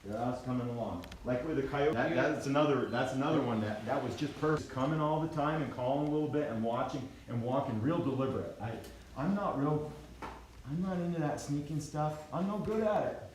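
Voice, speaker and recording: A middle-aged man talks casually to a live audience, relaxed and folksy, sometimes acting out his calls. His voice sits at an ordinary pitch and carries a heavy hall echo. Faint room noise hums behind him. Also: brisk, distant mic. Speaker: seminar presenter, deer hunter. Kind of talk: live seminar talk, casual storytelling. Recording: echoey hall, mic from afar.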